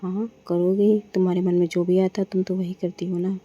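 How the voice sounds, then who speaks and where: A woman's voice: on the low side, level tone, a little fast, mellow, natural voice. A woman voicing an irritated, defiant young woman who keeps refusing and protesting, in a story. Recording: dull lo-fi with faint noise.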